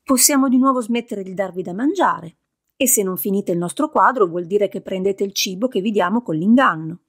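A woman voicing a stout, serious older father who speaks slowly and gravely, sighing heavily. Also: medium pitch, expressive. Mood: stern. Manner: slow, grave, heavy sighs.

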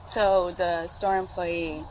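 A young woman talking to police outdoors, halting and distressed, caught on a body camera. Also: on the low side, little pitch movement. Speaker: person being questioned by police. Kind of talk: bodycam footage. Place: outdoors in a yard. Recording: noisy bodycam audio outdoors.

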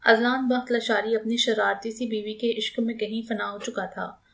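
A woman reading a romantic novel aloud as a scripted audiobook, steady and even. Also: a little high, normal speed, vocal fry. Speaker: narrator.

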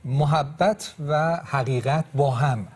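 Emphatic husky-voiced pastor. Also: male voice, a little high. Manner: emphatic, preaching rises. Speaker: pastor and host.

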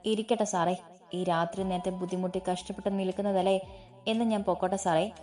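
A woman voicing a young woman who puts on a lower man's voice and speaks humbly to police. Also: steady tone, brisk, a little mellow, soft background music, close to an everyday voice. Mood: deferential. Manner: humble, pleading.

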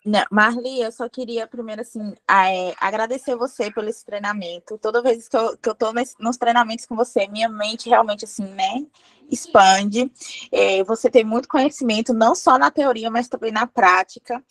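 A woman, a student thanking her trainer on a video call, talking in a warm, rambling way full of fillers. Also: on the high side, steady tone, normal speed, poor audio. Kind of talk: grateful testimony on a video call.

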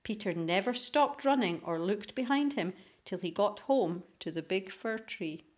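A woman reading a children's story aloud as scripted narration, in an expressive storytelling manner. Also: medium pitch, measured pace. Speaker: storybook reader.

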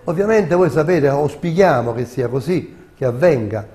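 Local TV host: male, sixties, southern Italian accent, somewhat high-pitched, colloquial and emphatic, opinionated to camera. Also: lively intonation, normal speed, dark tone. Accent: southern Italian, Campania. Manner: emphatic, colloquial, rhetorical questions. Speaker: host of a local TV citizens' complaints programme. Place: TV studio. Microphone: lapel mic.

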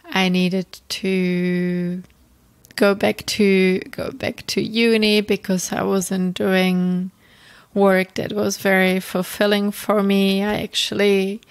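A Czech woman in her thirties with a Czech accent, hosting a podcast and telling her personal story in a reflective, gentle way, often restarting and repeating phrases. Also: medium pitch, level tone, takes it slowly, no room sound. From Czech Republic. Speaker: podcast host.

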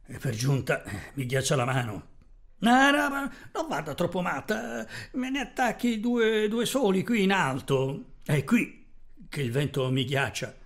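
A man voicing a tough, wry old partisan in a theatrical reading, telling his story with lively exclamations. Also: high-pitched, measured pace, full character voice. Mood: joking. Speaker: reader voicing a character.

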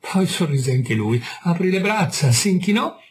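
A man reads a short story aloud with real theatre in his delivery. His voice sits a touch high and leaps upward whenever the narrator bursts out in anger or scorn, with faint ambient noise behind him. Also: very animated, moderate pace. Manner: theatrical, with sharp rises in pitch for quoted outbursts. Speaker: audiobook reader. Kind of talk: dramatic literary reading.

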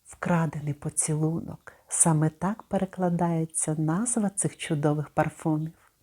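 A middle-aged woman teaches pronunciation in a warm, mellow voice that sits a little low. She spells out each word slowly and carefully, then repeats it for the listener to copy. It has the patient, measured rhythm of a recorded lesson. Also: fairly even intonation. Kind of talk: spoken lesson.

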